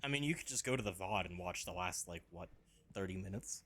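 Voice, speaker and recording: A man's voice: sits low, animated, fairly quick, fairly bright tone. A man chatting casually with friends while streaming a game live, joking and laughing easily. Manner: chatty, laughs easily, bursts into silly voices.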